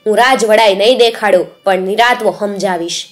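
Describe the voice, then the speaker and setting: A woman's voice: mid-range voice, moderate pace, faint music behind, natural voice. Woman voicing a deferential, nervous male messenger. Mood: respectful.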